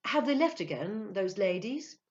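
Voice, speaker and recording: A woman's voice: high-pitched, very animated, fast talker, a bit bright, muffled recording, pitched above the performer's own voice. A woman reading aloud plays an eager, slightly awkward young Englishman in love. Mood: casual.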